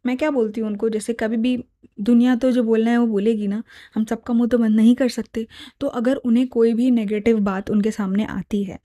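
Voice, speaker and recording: Earnest mom with a bright, mellow voice. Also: female voice, on the high side, steady tone, a little fast. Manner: earnest, explaining, mixes Hindi and English. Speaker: parenting vlogger and mother. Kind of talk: casual advice talk to camera. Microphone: lavalier mic.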